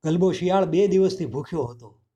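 A man narrating a children's story in a lively, expressive way. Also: high-pitched, fairly quick.

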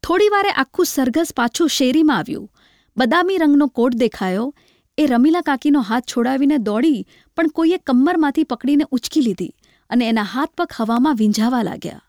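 High, gravelly woman reading a story. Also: animated, moderate pace, a little mellow, no room sound, clean studio sound. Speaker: narrator.

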